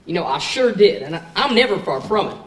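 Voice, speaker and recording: A man's voice: sits high, very animated, a little fast. Give me a young man acting an eager young writer, heard from a distance in a roomy hall. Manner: earnest, eager. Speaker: actor. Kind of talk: musical theatre acting. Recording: roomy stage from far off.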